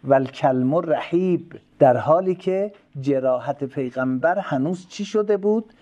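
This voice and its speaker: A man giving a religious lecture. He recites Arabic phrases slowly, then explains them quickly and asks rhetorical questions. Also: a little high, dark tone, muffled recording. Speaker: preacher explaining a classical sermon text.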